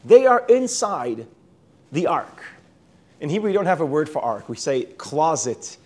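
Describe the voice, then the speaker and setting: A man's voice: on the high side, very animated, a little slow, a little mellow. An Israeli man with an American-sounding accent, lecturing on a Bible book, often restarting words and mixing in Hebrew terms. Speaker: Bible teacher.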